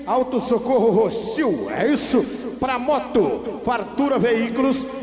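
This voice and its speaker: A man calling a rodeo excitedly over a PA system, hearty and exclamatory, stretching out names and calls. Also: takes it slowly. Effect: booming PA system. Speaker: rodeo announcer. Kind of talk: excited live rodeo commentary with drawn-out calls. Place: outdoor rodeo arena at night. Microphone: handheld mic through loudspeakers. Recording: arena PA, echoing long reverb, music behind. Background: loud country music.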